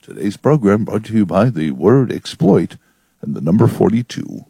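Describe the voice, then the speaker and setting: A man's voice: on the low side, sing-song, normal speed, vocal fry, warm tone, breathy edge, no room sound. A man hosting a talk radio show, delivering an opinionated, sardonic monologue from a studio.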